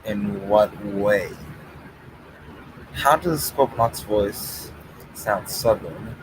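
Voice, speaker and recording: A man's voice: fairly low pitch, very slow. Male streamer, casual swearing banter with chat, faint noise under it. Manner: reads out chat, argues, swears, laughs.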